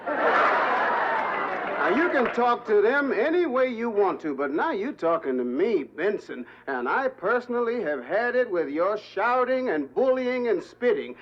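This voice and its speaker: An actor playing a sharp-tongued male butler who firmly scolds a bully. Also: high-pitched, sing-song, measured pace. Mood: angry. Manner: sarcastic, firm and scolding. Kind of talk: 1970s sitcom acting. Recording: muffled 1970s TV sound with loud hiss.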